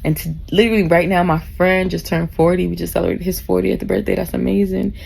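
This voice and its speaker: A woman of 39, almost forty, talks fast in a fairly low, level voice with vocal fry, a touch mellow and slightly rough. Drunk in her cruise ship cabin, she rambles to camera for her vlog, heartfelt and effusive, swearing and losing her train of thought, over faint background noise.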